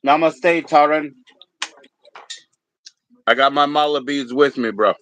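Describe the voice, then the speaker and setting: A man's voice: on the high side, slow, a bit bright, poor audio. A man joining a livestream as a guest, chatting in a laid-back, slangy way. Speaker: stream guest. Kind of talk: casual chat.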